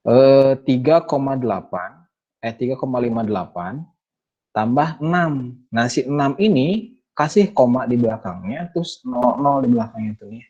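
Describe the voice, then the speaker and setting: A man's voice: medium pitch, animated, normal speed, darkish tone, highs cut off. Chatty Indonesian male math teacher. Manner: casual, chatty explaining with many fillers and tags. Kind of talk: online math lesson.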